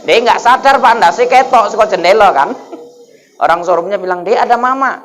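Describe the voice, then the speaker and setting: A man's voice: high-pitched, moderate pace, a bit bright, a little hiss or hum. A man, preaching a humorous sermon in a mosque and often calling out to the crowd for replies. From North Sumatra, Indonesia. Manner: jokey, keeps asking the crowd for replies.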